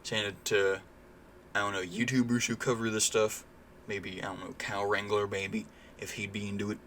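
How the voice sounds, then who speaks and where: A young man rants straight to camera in a casual vlog. His voice sits a little low, and his indignant delivery is loose, full of swearing and filler words. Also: flat delivery, moderate pace, fairly bright tone, slight background noise. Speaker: vlogger.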